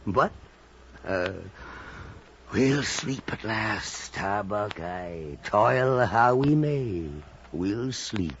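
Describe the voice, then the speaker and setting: An actor playing a weary, obsessed old whaling captain in a theatrical, halting old time radio drama style. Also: male voice, lowish voice, lively intonation, a bit bright, full character voice. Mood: anguished. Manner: theatrical, halting, repeating phrases. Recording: muffled, noisy old radio drama recording.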